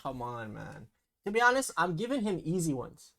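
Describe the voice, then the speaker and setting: A man's voice: a little high, sing-song, moderate pace, vocal fry, sharp tone. A young man with a Toronto accent hosts a casual, bantering quiz, teasing in easy slang. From Toronto, Canada. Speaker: host quizzing his cousin on slang.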